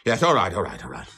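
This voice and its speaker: A stern, budget-minded project director. He speaks in a clipped, authoritative way, with pitch that rises and falls a lot. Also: creaky, pushed and bright, slightly rough, full character voice.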